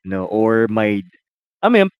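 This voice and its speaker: A man with a Filipino accent co-hosting a casual podcast, talking straight to listeners and often dropping into a low mutter. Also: big pitch swings, takes it slowly, clear, resonant tone, dry recording, muffled recording. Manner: chatty, addresses listeners as guys, drops to a low mutter. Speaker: podcast co-host. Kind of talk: casual chat.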